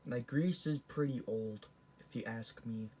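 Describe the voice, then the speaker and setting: A man's voice: medium pitch, a little slow, mellow, slight background noise. Teen male, casual rambling vlogger, lots of false starts. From Canada. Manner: rambling, with frequent restarts and self-corrections. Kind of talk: casual tier-list commentary.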